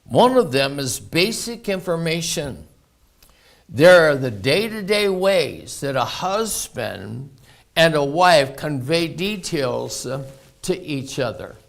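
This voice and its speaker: A man's voice: a little high, sing-song, takes it slowly, gravelly. A man preaching a folksy sermon full of anecdotes. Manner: folksy, anecdotal, laughs often. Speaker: pastor.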